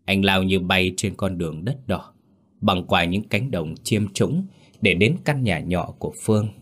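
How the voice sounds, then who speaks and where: A man narrating a scripted ghost story in a measured, dramatic way. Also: low voice.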